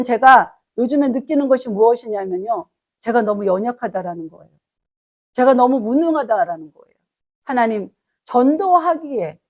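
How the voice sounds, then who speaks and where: A middle-aged woman pastor preaching a sermon in a church, telling the story with acted-out dialogue. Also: high-pitched. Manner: animated storytelling, acting out quoted dialogue. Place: church sanctuary.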